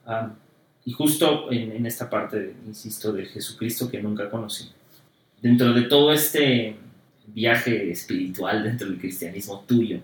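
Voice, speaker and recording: A man, interviewing in a casual conversation about faith, reflective and hesitant with many fillers. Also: fairly low pitch. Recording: roomy echo, distant mic.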